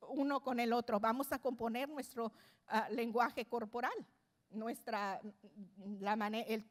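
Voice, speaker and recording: A middle-aged woman with a high voice speaks in an expressive, conversational way. She teaches a church service and often stops on fillers and restarts her phrases. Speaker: church speaker addressing mothers. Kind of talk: Spanish-language church teaching.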